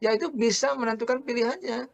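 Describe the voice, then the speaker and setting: A man speaking as a political analyst in a remote interview, deliberate and repeating phrases for emphasis. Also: extremely high pitch, steady tone, creaky, lo-fi sound.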